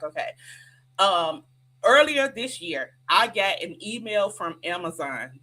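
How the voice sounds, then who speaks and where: A woman's voice: fairly low pitch, husky, poor audio. A woman in her thirties, an author chatting in an interview, telling stories with laughter and acted-out quotes. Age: 30s. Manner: animated storyteller, laughs often, acts out quotes. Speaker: author guest. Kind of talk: casual interview chat.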